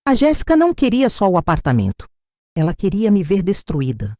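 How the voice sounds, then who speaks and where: A woman's voice: mid-range voice, wildly swooping pitch, fairly quick, dark tone, dry recording, studio quality. An older woman narrating her own family story with emphatic, short, wounded sentences. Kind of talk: first-person dramatic storytelling.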